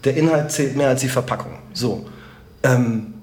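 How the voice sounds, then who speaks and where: A middle-aged man with a Rhineland German accent, a comedian chatting as a podcast guest in an animated, joking and emphatic way. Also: mid-range voice, moderate pace. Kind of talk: casual podcast conversation.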